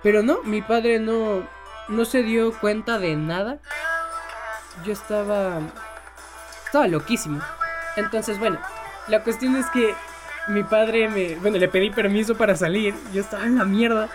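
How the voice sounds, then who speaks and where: A man's voice: high-pitched, unhurried, pauses often, over music. A young man casually telling a personal story, swearing freely and laughing often.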